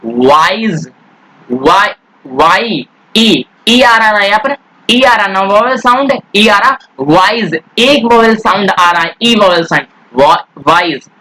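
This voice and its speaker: A man teaching English grammar, speaking Hindi mixed with English words in an Indian accent. He asks questions and then answers them himself, and he draws out the English words slowly. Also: high-pitched, bright, forceful tone, poor audio. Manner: addresses students as "beta", asks and answers his own questions. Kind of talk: classroom grammar lesson.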